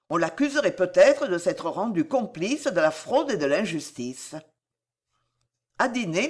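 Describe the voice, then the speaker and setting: A woman narrating a classic novel in a measured, expressive literary reading. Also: mid-range voice. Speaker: audiobook narrator.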